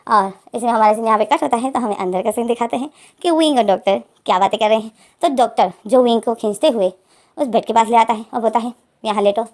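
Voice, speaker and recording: A woman's voice: fairly high pitch, fast talker, a little mellow. A woman retelling a fan story casually, chaining lines with repeated fillers. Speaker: fanfiction storyteller.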